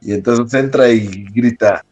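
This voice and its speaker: A man with a Mexican accent, a wrestler guest casually telling an anecdote, animated and often laughing as he acts out the people in it. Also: medium pitch, a little slow, muffled recording, soft background music. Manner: lively storyteller who acts out quoted people in a raised voice and laughs often.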